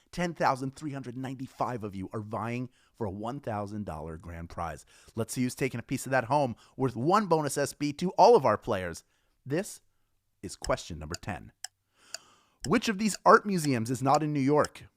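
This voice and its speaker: An upbeat man hosting a live trivia game, his voice swinging lively up and down as he reads questions and jokes with players. The sound is dry and close, with no room around it. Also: medium pitch, dry recording. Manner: upbeat, playful, chatty.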